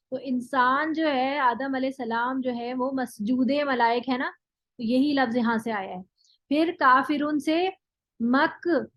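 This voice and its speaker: A woman with Urdu as her first language gives a grammar lesson, her voice sitting a touch high. She explains step by step and recites word forms slowly in a row. The audio is dry and dull, with no room sound. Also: no room sound. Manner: explains step by step, often checks with "thik hai"; drills word forms slowly, one at a time. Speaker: Arabic grammar teacher. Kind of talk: classroom lecture.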